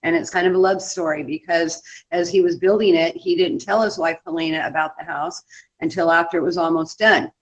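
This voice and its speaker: A woman working as a tour guide talks in a casual interview, conversational and full of small anecdotes. Her lowish voice is steady and a little fast, and the audio is dull and lo-fi.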